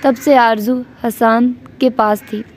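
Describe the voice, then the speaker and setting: A woman's voice: fairly high pitch, steady tone, slow pace, a little mellow. A woman reading a romantic novel aloud as an audiobook, speaking both the narration and every character's lines herself. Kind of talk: storytelling narration with character voices.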